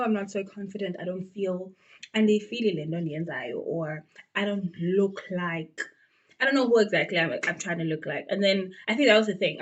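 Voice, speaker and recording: Speaking at a medium pitch through a muffled recording, a South African-accented beauty vlogger in her twenties chats informally with her audience in a get-to-know-me style, with lots of fillers.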